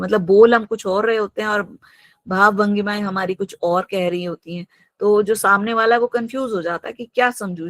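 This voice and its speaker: A woman's voice: medium pitch, dry recording. Woman teacher lecturing with examples, dry sound. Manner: explains terms through worked examples, repeats "absolutely" often; mixes English terms into her talk. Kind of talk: online class lecture.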